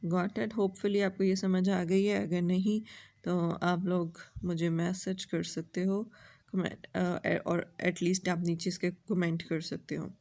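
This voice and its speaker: Slow, mellow-voiced woman teacher. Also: on the low side, flat delivery. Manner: mixes Hindi and English, asks the class questions and answers them herself; drawls out the English words slowly. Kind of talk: lecture explaining a poem's rhyme scheme.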